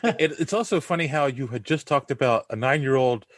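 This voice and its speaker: A man in his forties hosts a casual podcast chat recorded over a video call, rambling and laughing often. His mid-range voice is expressive and fairly quick, and the recording is dry.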